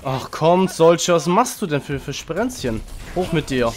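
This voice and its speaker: Fairly high-voiced german guy yelling at his game, slow drawn-out talk, hyped and frustrated. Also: expressive, soft background music. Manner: frantic, urging teammates, swearing at enemies. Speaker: gaming channel host. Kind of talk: excited live game commentary.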